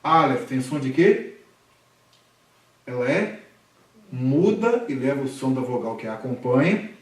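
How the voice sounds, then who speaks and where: A man's voice: medium pitch, very animated, a little slow, far from the mic. A man with a Brazilian Portuguese accent teaching a Hebrew class, patiently drilling letters and syllables aloud and checking in with his students. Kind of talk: classroom lesson. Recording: echoey room, voice from the mic.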